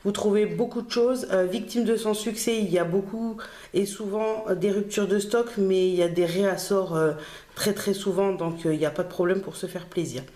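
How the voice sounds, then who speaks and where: A woman's voice: medium pitch, fairly even intonation, moderate pace, mellow. A woman crafting vlogger, talking in a casual, hesitant way with many fillers as she shows her purchases. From France. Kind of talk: casual haul video.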